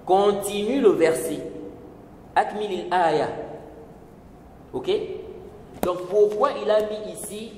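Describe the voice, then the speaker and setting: A man giving a religious lesson, explaining slowly, repeating points and checking with his listeners. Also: sits high, a little mellow. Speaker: religious teacher. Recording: echoey hall with faint noise.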